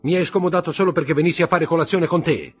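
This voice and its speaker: A man reading aloud, voicing a cocky, impatient young man who talks in quick, offhand bursts. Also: medium pitch, sing-song, breathy edge, soft background music, pitched above the performer's own voice.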